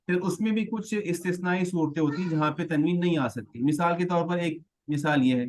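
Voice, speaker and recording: A man's voice: a little high, low-quality recording. A male teacher giving a patient classroom grammar lesson, stretching out example words and often checking that students follow.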